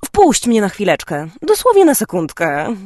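A woman reading an audiobook, voicing a loud, pushy young woman who talks in a shrill, bossy way. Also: fast, no echo, clean studio sound, close to an everyday voice. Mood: sugary.

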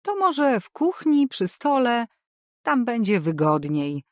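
A woman reading an audiobook, voicing a curious, nosy middle-aged landlady in a raised, louder voice. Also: very animated, slow pace, no echo, studio quality. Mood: solicitous. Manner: prying, high and loud.

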